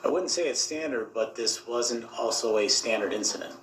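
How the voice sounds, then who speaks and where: A man's voice: mid-range voice, normal speed, fairly bright tone. A male detective giving guarded, matter-of-fact testimony under cross examination in court. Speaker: police detective testifying as witness. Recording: echoey courtroom with faint noise.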